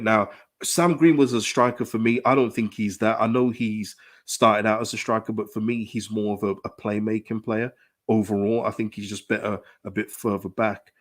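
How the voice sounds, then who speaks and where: A man with a voice on the low side, hoarse from a dry throat, runs a live stream about his football club for his fan channel, reading out chat. He's animated and emphatic, repeating himself and restarting frequently.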